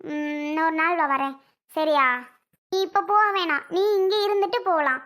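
Woman playing a soft apologetic young wife. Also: extremely high pitch, moderate pace. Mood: conciliatory.

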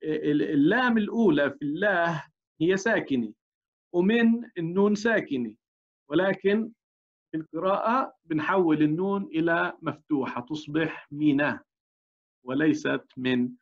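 Male teacher, slightly high voice, muffled recording. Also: moderate pace. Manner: explains step by step, asks the class rhetorical checks. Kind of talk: recorded tajweed lesson.

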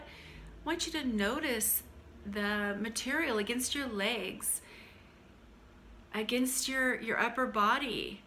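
Middle-aged female coach, slow and soothing, leading a calm grounding exercise; crisp bright tone, faint background noise. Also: a little high. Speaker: mental health coach, channel host. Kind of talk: calm guided grounding exercise, spoken to camera. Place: small furnished room at home, indoors.

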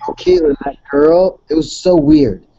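A young man chatting casually, rambling, animated and swearing. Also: on the high side, a little slow, slightly rough, dry recording. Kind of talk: casual chat. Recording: dull, dry lo-fi recording.

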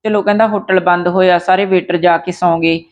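A woman's voice: on the low side, steady tone, a little fast. A woman retelling a true story in a casual, conversational way, with fillers and restarts. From Punjab. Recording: dull lo-fi sound.

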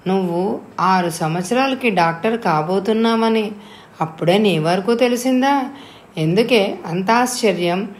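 A woman's voice: medium pitch, measured pace, natural voice. A woman voicing a cheerful young woman who teases her best friend playfully. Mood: teasing. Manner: playful teasing. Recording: echoey room.

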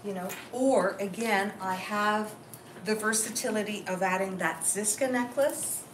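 A woman's voice: medium pitch, unhurried. A woman hosting a casual styling demo, chatty and always checking in with the people around her. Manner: chatty, keeps asking "okay?". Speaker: host, stylist. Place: clothing store. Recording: roomy, distant mic, noisy.

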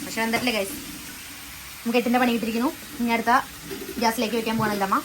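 High-voiced young woman vlogging fast. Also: steady tone, noisy background. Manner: chatty, addresses viewers as guys. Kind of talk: casual vlog chat. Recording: clear crowd chatter behind.

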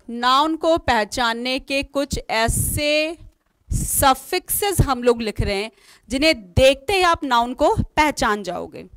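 An English teacher leads an online exam-prep lesson, spelling words letter by letter and posing questions she answers herself. Her voice is high-pitched with a fairly bright tone, and the recording is dry.

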